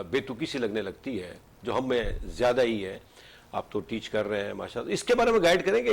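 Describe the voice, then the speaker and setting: A man's voice: medium pitch, creaky. A man from Pakistan hosting a studio talk show, asking questions and mixing English phrases into his talk. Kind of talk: studio interview.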